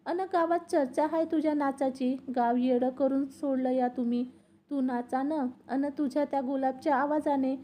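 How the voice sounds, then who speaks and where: A woman voicing a sad, kindly old village woman who consoles others in gentle rural speech. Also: sits high, steady tone, normal speed, close to an everyday voice. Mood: consoling.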